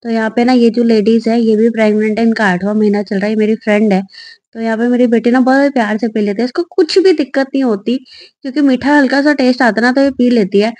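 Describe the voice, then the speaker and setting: A woman's voice: on the high side, fairly even intonation, quick pace, a little mellow, no echo. A young woman, a new mother, narrating her daily vlog in a chatty, personal voice-over.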